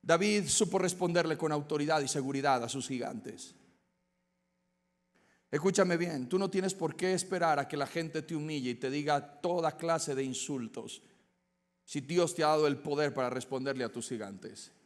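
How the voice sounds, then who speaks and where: A man preaching a dramatic sermon that swings from loud, urgent passages to hushed ones. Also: on the high side, normal speed. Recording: echoey hall.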